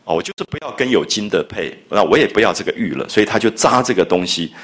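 Deep-voiced guy lecturing on an old novel, chatty, retells the scenes and paraphrases lines with a lot of push. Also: lively intonation, fast, fairly bright tone. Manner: conversational, paraphrasing and acting out quotes with rising emphasis. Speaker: lecturer on classical literature. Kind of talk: explanatory lecture with retold scenes.

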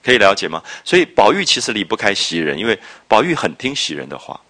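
A man lecturing on a classic novel. He explains at length in a reflective, drawn-out way, fills his talk with interjections, and checks with his listeners through rhetorical questions. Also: fairly low pitch, very animated, bright, forceful tone. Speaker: literature lecturer.

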